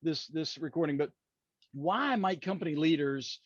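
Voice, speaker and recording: This podcast host is a man from West Virginia with an Appalachian accent who chats through an interview in a rambling, folksy, self-correcting style. He sounds a little high and keeps a moderate pace. The dull, muffled lo-fi audio has no room sound.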